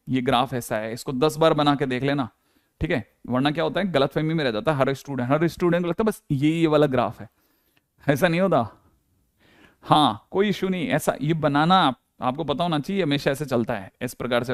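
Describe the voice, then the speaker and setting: A man's voice: medium pitch, no echo, studio quality. A male maths teacher giving a casual board lecture, often checking in with the class and acting out the students' questions. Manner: chatty, repeats "ठीक है" often, acts out students' questions.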